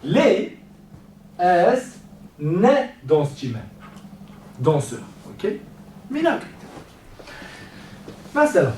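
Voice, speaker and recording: Lively-pitched man teaching French. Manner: repeats phrases slowly, switches between French and Persian. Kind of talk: informal language lesson. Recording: roomy, distant mic with faint noise.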